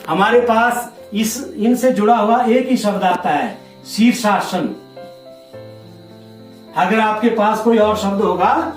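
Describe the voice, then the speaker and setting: A man with a high-pitched voice explains a grammar lesson to schoolchildren, patiently repeating himself and drawing out single sounds. The room rings with echo, and faint music plays underneath. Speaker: Hindi teacher.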